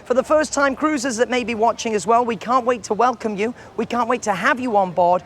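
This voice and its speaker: A man's voice: very high-pitched, fairly quick. A man talking as an upbeat, chatty cruise director, hosting vlog interviews. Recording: loud music and crowd behind.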